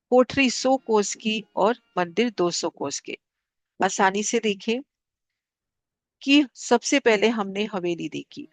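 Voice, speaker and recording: A woman leads a devotional lesson in a steady, guiding voice and says the important figures twice. Her voice sits at an ordinary middle pitch. The sound is close and dry, with no room around it. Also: dry recording. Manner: calm, guiding, repeats figures for clarity. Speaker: spiritual class teacher. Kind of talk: devotional lesson explaining maps.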